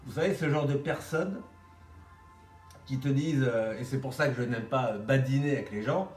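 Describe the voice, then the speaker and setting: A man's voice: mid-range voice, normal speed, soft background music. A man talks in a casual, blunt vlog monologue, wandering through slangy asides. He has a slight lisp that whistles on the S sounds. The sound is roomy and echoey, picked up some way from the microphone. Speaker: vlogger. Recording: roomy echo, distant microphone.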